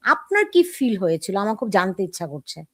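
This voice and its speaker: A woman's voice: medium pitch, big pitch swings, a little fast, no echo, studio quality. A woman from Bangladesh hosting a political talk show, asking probing, personal questions of her guest.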